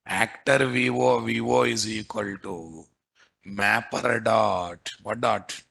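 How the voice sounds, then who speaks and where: A man's voice: fairly low pitch, steady tone, takes it slowly, gravelly, fairly bright tone, slightly rough. A man with a Telugu accent teaching a live coding class as the instructor, repeating himself and peppering students with questions. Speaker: programming instructor.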